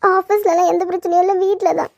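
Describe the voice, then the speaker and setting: A woman's voice: very high-pitched, flat delivery, fast. A woman voicing a young woman, an anxious and tearful daughter who pleads with her father and her husband, in a cartoon. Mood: worried pleading. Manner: pleading, upset. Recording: dull lo-fi sound.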